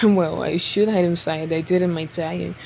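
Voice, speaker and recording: A woman's voice: lowish voice, steady tone, normal speed, vocal fry, darkish tone, a little hiss or hum, poor audio. A woman reading a visual novel aloud, breaking off with joking asides. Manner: reads narration, breaks off to joke and laugh. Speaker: game streamer. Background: game music.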